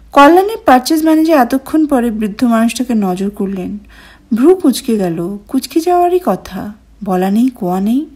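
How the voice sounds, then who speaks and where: Lady narrating an audio story, kinda high voice, expressive reading. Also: breathy edge.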